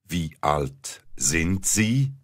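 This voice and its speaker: Low male voice for a language lesson, very slow, with animated intonation. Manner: clear, careful enunciation for learners.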